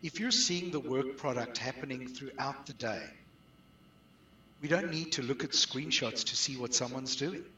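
A middle-aged South African man, interviewed as an outsourcing business expert, replies conversationally at a moderate pace in a pushed, bright mid-range voice. A little hiss or hum sits under the distant, roomy, echoing recording.

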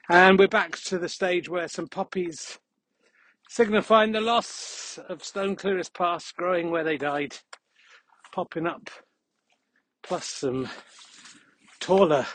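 A man's voice: a little high, a bit bright, breathy edge. A man hosting a podcast as a casual, rambling monologue while walking outdoors on a country path. He is out of breath and adds dry, jokey asides. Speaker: podcast host.

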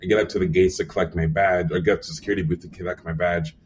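A young man telling lively stories as a guest in a casual interview, acting out quotes with lots of fillers. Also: sits low, very fast, slightly rough, distant mic. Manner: animated storyteller, acts out quotes, frequent fillers. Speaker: animation supervisor guest.

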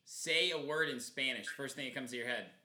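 A man's voice: mid-range voice, fairly quick, pushed and bright. A young man co-hosting a podcast, chatting casually with a friend in an echoey room. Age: young adult. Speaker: podcast co-host. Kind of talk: casual chat between friends.

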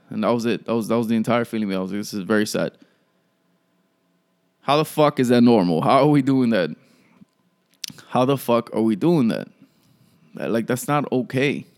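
A man's voice: medium pitch, a little mellow, clear, resonant tone. A young man, ranting casually and profanely as a podcast host, full of "like" and "yo.". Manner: profane, rambling, frequent "like" and "yo".

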